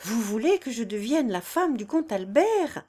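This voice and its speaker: A woman's voice: fairly high pitch, very animated, measured pace, dark tone, breathy edge, heavily acted. A woman reading the part of a proud young singer who speaks earnestly and with passion in a storybook. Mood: astonished.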